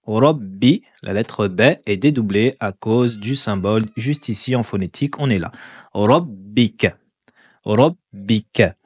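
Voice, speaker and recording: A man's voice: on the low side, a little mellow, breathy edge, no echo, clean studio sound. Patient man teaching careful pronunciation. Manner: patient, repeats syllables slowly and deliberately. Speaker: Quran recitation teacher. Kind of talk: step-by-step pronunciation lesson.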